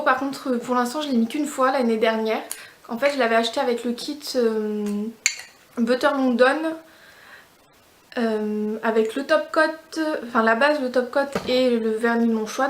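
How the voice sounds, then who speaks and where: A fairly high-voiced woman from France, chatting away about her makeup and nail polish. She talks casually, full of little fillers and false starts, and her voice rings in an echoey room. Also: fairly even intonation, normal speed, slight background noise. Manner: chatty, many fillers and restarts. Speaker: beauty vlogger. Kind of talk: casual product review.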